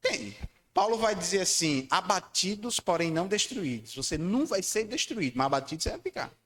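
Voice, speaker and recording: A man preaching a sermon, asking his congregation to repeat lines back to him. He swings between loud, high declarations and low, quiet lines. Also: very animated, brisk. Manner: emphatic, calls for congregation responses. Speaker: pastor. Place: church hall. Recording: long church hall reverb.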